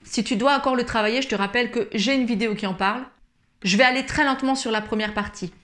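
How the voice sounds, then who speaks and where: A woman calmly explaining ukulele chords and strumming step by step in a tutorial. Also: on the high side, quick pace, loud music behind the voice. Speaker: ukulele teacher.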